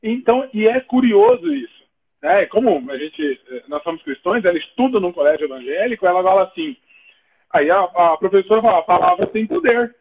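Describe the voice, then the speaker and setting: A man's voice: sits high, a little fast, breathy edge. A man with a Brazilian Portuguese accent, hosting a live talk and telling stories in a casual chat. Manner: animated, acts out dialogue in his stories. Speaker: host of a live talk show. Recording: tinny phone-like line.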